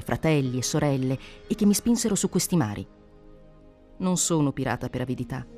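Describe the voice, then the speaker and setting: A proud male pirate chief, put on by a reader, passionate and declaiming with fervour in a dramatic storybook reading. The voice is dark and mellow and keeps rising higher and louder. Faint music plays behind it. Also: lightly acted. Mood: pleading. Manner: fervent declaiming. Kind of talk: dramatic reading of an adventure novel.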